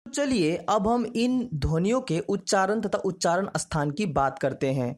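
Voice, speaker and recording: A teacher giving a slow, carefully articulated pronunciation lesson, demonstrating sounds and reading out word lists for practice. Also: medium pitch, expressive, a little mellow. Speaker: Hindi teacher.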